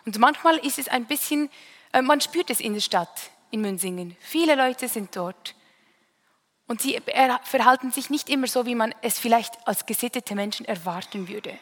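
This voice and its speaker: Swiss woman preacher, Bern region, somewhat high voice, chatty sermon with tag questions, long reverb. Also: lively intonation, normal speed. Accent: Swiss German. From Switzerland, Bern region.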